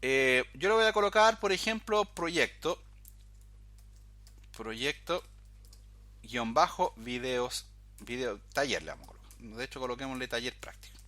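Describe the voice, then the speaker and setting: Speaking a little slowly and pausing often, a man with an animated, sharp, mid-range voice leads a screen-recorded programming tutorial. He explains each step as he goes, frequently saying "fíjate" to point viewers to details.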